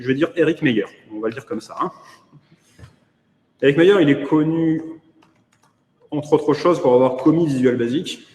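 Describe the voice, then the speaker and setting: A man with a French accent giving a conference keynote online, hesitant with many fillers and wry asides. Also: mid-range voice. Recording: echoey room with long reverb.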